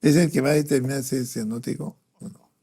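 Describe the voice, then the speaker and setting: A man's voice: mid-range voice, steady tone, fast, warm tone, slightly rough. A male doctor with a Peruvian Spanish accent, giving an exam-prep lecture. He works through questions aloud with frequent "¿no?" and "este" fillers. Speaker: doctor teaching a pediatric cardiology review.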